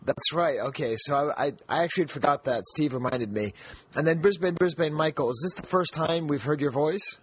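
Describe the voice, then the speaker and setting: Husky-voiced man hosting a podcast. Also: a little high, fairly bright tone. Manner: friendly, jokey, halting with restarts. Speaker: podcast host. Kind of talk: casual podcast chat.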